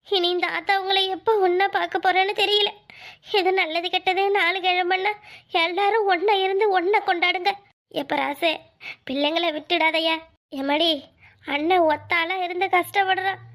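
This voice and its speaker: A woman voicing an ailing elderly mother in a cartoon, talking slowly with pleading affection. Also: extremely high pitch, a bit bright. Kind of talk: cartoon voice acting.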